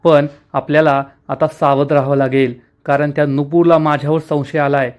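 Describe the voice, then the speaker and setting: Vengeful scheming businesswoman, guy reading her, low and cold. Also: flat delivery, normal speed, darkish tone, lightly acted. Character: scheming vengeful woman company owner.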